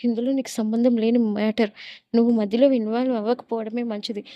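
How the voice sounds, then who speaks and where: A hot-headed young college bully, read by a woman storyteller sneers out his grudge. His voice is softer than the narration around it, and the recording is close and dry. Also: a little high, level tone, brisk, dry recording, muffled recording, lightly acted. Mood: sneering.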